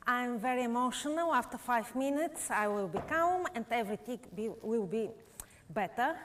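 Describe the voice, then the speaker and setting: A Bulgarian woman painter with a Bulgarian accent and Bulgarian as her first language, demonstrating live before an audience. She speaks in halting, simple English with many pauses. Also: on the high side, expressive. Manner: halting non-native English with frequent uh pauses.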